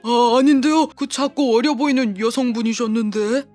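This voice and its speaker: A man's voice: very high voice, moderate pace, darkish tone, no echo, faint music behind. A man voicing a petty, hotheaded young male scammer in an audio drama, stammering and swinging between taunting and groveling. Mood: nervous.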